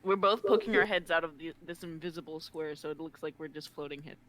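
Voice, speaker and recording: A woman's voice: deep voice, quick pace, fairly bright tone, low-quality recording. A woman chatting casually as a tabletop game player.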